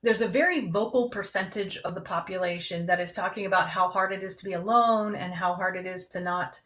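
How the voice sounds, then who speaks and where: A woman's voice: fairly low pitch, brisk, fairly bright tone. A young adult woman counselor talking candidly and conversationally about anxiety to a live audience. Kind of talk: casual talk on anxiety.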